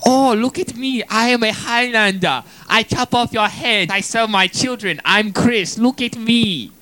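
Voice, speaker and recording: A man putting on a boastful, swaggering Highlander warrior in a high, puffed-up voice. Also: a little slow, sharp tone, exaggerated voice.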